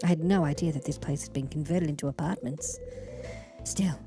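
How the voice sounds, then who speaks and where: A man using a voice changer to raise his voice into a woman's range, voicing a soft-spoken widowed woman in a game with slow, hushed, whispery reading. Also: creaky, over music. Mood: wistful. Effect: voice changer pitching his voice up into a woman's range. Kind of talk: voicing game dialogue while streaming.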